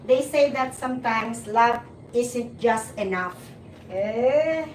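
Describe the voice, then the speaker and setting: This is a livestream host from the Philippines, a woman in her forties whose animated, fairly high voice carries a Filipino accent over a faint hiss or hum. Her casual talk with viewers is teasing and full of laughter, with halting restarts. It's recorded on a far-off mic in a roomy space, with noticeable ambience.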